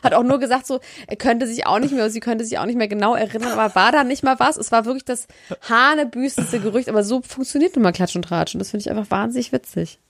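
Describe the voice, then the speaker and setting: A woman's voice: fairly high pitch, fast, vocal fry, no echo, studio quality. A woman in casual gossip chat as a podcast co-host, talking colloquially and often correcting herself mid-thought. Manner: chatty, colloquial, self-correcting.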